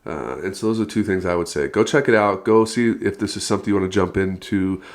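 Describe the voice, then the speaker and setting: A man in his thirties from California speaks as a guest pastor in a relaxed podcast chat. His voice sits on the low side, and he talks with upbeat energy, often breaking into laughter between filler words. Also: fast talker. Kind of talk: casual podcast interview.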